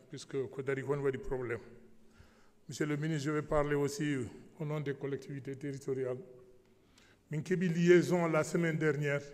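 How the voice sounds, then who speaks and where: A man's voice: a little high, darkish tone. A man with a Senegalese accent gives an emphatic parliamentary speech as a member of parliament, repeating himself for stress. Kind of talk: parliamentary speech switching between French and Pulaar. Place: large parliamentary assembly hall. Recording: echoey large hall with long reverb.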